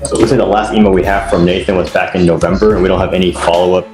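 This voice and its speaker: Deep-voiced, polite courtroom attorney. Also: male voice, fairly even intonation, rapid-fire, echoey room, music in the background. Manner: polite, formal. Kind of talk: courtroom status report.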